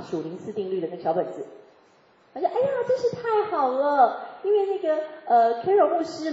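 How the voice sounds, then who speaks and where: Woman, church testimony, quick, lively, laughs often; warm mellow tone, echoey hall, dull recording. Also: mid-range voice. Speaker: church member giving testimony. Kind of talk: personal faith testimony.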